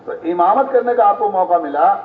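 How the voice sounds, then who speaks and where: Male preacher from Bihar with a high voice, repeating questions to the crowd, distant, echoey, tinny. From Bihar, India. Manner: quizzes the congregation with repeated questions; repeats each point several times. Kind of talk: sermon. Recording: echoey, distant, tinny phone-like, faint noise.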